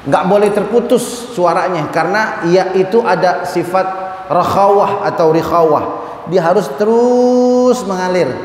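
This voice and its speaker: A man teaching a group of men to recite, chanting verses slowly and then correcting their pronunciation in quick, everyday speech. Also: high voice. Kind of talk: tajwid lesson to a group of men. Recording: echoey hall with faint room noise.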